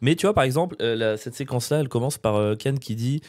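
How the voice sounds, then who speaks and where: French podcast guy, rambly and slangy, fast talker, dry sound. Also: mid-range voice, a little mellow, dry recording. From France. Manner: slangy, rambling, self-mocking. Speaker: podcast co-host. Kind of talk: casual chat.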